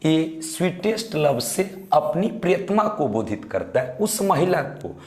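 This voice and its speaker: An unhurried teacher in a roomy, echoing space, drawing out each word with a lively, rising and falling pitch. The lecture is recorded in a reverberant room. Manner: repeats key words slowly, checks understanding with asides; mixes Hindi explanation with English quotes. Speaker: English literature teacher. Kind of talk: explanatory lecture, line-by-line poem reading. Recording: roomy echo.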